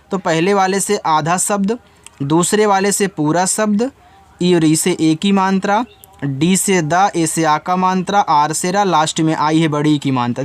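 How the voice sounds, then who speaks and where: A man teaches English reading in a fairly high voice. He spells each word out letter by letter and sounds out the syllables patiently. He drops in casual asides to his students. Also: clear, resonant tone.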